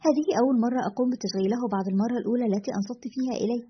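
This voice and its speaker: A woman's voice: a little high, very fast, breathy edge. A woman voicing a frightened young woman caller to a radio show, with an anxious, pleading manner. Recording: dull lo-fi recording.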